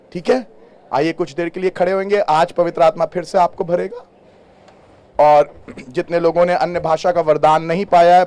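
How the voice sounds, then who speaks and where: A man's voice: high voice, darkish tone. A male pastor preaching a sermon in a church, asking the congregation questions and mixing in English phrases. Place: church hall.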